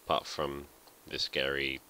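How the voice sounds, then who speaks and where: Very deep-voiced man commentating a game. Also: monotone, unhurried, sharp tone, slight background noise. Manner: rambling, self-deprecating thinking aloud. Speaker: let's play host. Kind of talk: casual gameplay commentary.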